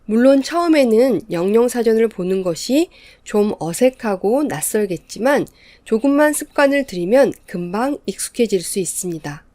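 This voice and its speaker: A woman lecturing as an English teacher, explaining in an even, measured way. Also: a little high, no echo. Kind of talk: scripted lecture narration.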